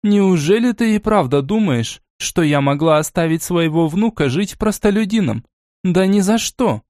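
A man voicing a stern, aristocratic old grandmother in an audiobook, speaking in a measured, cool and commanding way. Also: sits high, animated, a little mellow, dry recording, studio quality, pitched above the performer's own voice. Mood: angry.

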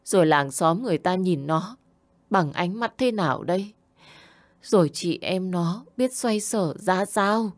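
A woman's voice: on the low side, animated, a little slow, no room sound. A woman voicing an anguished old grandmother who scolds and laments, raising her voice. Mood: lamenting. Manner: scolding, lamenting, loud and pleading.

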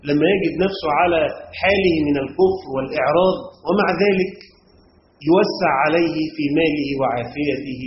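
A man with an Egyptian accent teaching a classroom lesson on Quran commentary grammar, constantly checking whether his students follow. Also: on the high side. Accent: Egyptian Arabic. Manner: quizzes the class with rhetorical checks. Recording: roomy, dull lo-fi room recording with faint noise.

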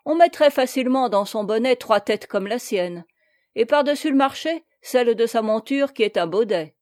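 A woman's voice: a little high, lively intonation, moderate pace, darkish tone, dry recording, studio quality, close to an everyday voice. A woman voicing a scoffing male servant in an audiobook. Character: mocking male servant of a captain. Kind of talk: audiobook character reading.

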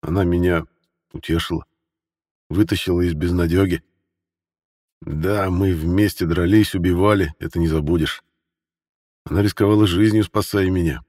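A remorseful husband who speaks in a low, muffled and sighing way, read by a male audiobook narrator. The voice is very deep and husky, with a long reverb behind it. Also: steady tone, moderate pace, pauses often, a little mellow, studio quality. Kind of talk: audiobook character voice.

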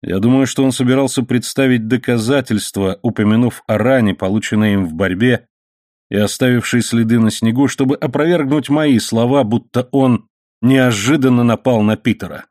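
A man reading an audiobook, voicing a sardonic man who speaks in quiet, mocking tones. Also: mid-range voice, normal speed, dry recording, studio quality, lightly acted. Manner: quietly mocking, grimly sarcastic. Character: sardonic cold-hearted man taking revenge.

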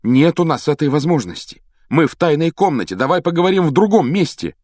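A man's voice: on the low side, very animated, quick pace, breathy edge, dry recording. A man voicing a frightened twelve-year-old boy wizard, pleading with breathless urgency. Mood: urgent. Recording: dry close audiobook sound.

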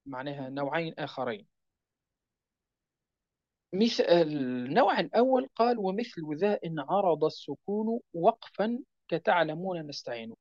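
A man teaching the rules of Quran recitation step by step, checking with his listeners and chanting the verse examples slowly. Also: fairly high pitch, no room sound. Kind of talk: religious lesson explaining recitation rules. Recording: dull, dry lo-fi recording.

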